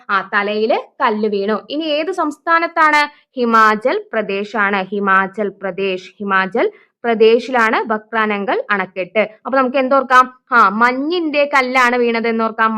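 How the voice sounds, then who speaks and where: A woman's voice: sits high, pushed and bright. A Malayali woman teaching exam facts through memory tricks, asking and answering her own questions in a chatty way.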